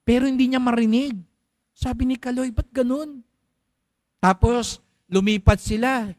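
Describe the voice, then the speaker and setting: A man's voice: very high voice, fairly even intonation, normal speed, darkish tone, dry recording, studio quality. A Filipino priest in church, telling a story during his homily and asking the congregation questions in a conversational way.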